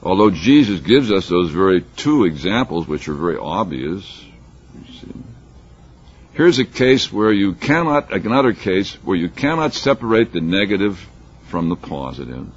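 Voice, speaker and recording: A man's voice: low voice, sing-song, moderate pace, a little hiss or hum. A man giving a sermon, explaining scripture and reading passages aloud with rising emphasis. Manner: emphatic, reads scripture aloud with rising force, fillers and restarts. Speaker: preacher. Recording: dull lo-fi recording.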